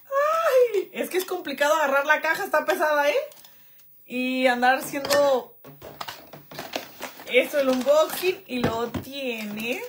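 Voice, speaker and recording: A woman's voice: high-pitched, a bit bright, a little hiss or hum. A young woman, chatting casually through a live unboxing and reading out viewer comments. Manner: chatty and self-joking, reads out viewer comments. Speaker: vlogger doing a live unboxing. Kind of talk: casual live-stream chat.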